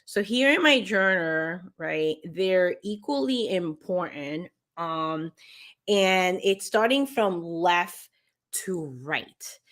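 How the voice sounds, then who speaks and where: A woman's voice: lowish voice, animated, slow, a bit bright. A woman vlogger earnestly sharing her motivation habits in casual talk to camera, with many restarts and fillers. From grew up partly in Peru.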